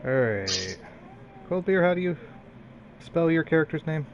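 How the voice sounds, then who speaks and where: A man's voice: on the high side, big pitch swings, a little slow, lo-fi sound. A man casually hosting a tabletop roleplaying game as game master over an online voice chat. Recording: faint background noise, online voice chat.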